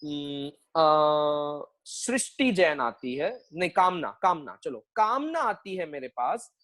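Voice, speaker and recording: A man's voice: on the high side, big pitch swings, takes it slowly, fairly bright tone, rough recording. A man teaching an online accounting class, mixing Hindi and English, joking with his students and repeating phrases as he quizzes them.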